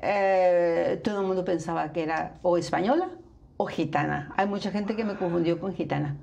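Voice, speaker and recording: A woman's voice: fairly low pitch, moderate pace, creaky, a little mellow, dull audio, slight background noise. An older woman from Mexico with a Mexican Spanish accent, chatting in an interview and dropping in English phrases. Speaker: guest, flamenco dancer. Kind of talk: casual interview chat.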